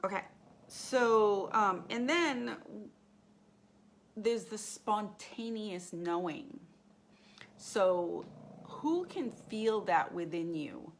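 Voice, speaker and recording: A woman's voice: medium pitch, extremely slow, slight background noise. A woman teaching a live class on intuition, talking in a conversational way and asking the group questions.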